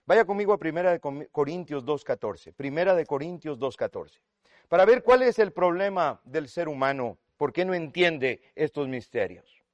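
Man preaching, high voice, dry close sound, dramatic swings from loud to soft, acts out scenes. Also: lively intonation, normal speed, dry recording, dull audio. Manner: preaching with sharp swings from loud to hushed, addressing "mi hermano". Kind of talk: sermon.

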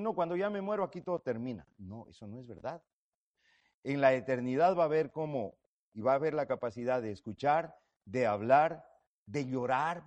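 A man preaching a sermon, swinging between loud fervent passages and low quiet emphasis, often asking the listeners questions directly. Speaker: pastor.

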